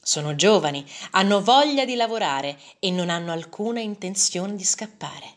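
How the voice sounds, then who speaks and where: A woman voicing a corpulent male slave auctioneer who pushes his sale loudly and commandingly. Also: lively intonation, moderate pace, close to an everyday voice. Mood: coaxing. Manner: loud, commanding sales pitch.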